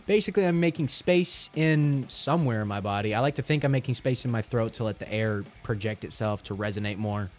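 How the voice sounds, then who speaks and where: A man's voice: mid-range voice, fairly quick, hardly any pauses, darkish tone, faint music behind. A man giving a casual, informal, encouraging lesson to viewers as a vocal coach. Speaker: vocal coach in metal screaming. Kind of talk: casual instructional talk to viewers.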